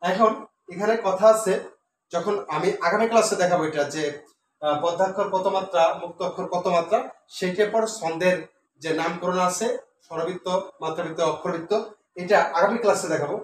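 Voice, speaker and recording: A man giving a pronunciation lesson, explaining step by step and repeating words slowly with many fillers. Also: sits high. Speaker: Bengali teacher. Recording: echoey room, voice from a distance, faint noise.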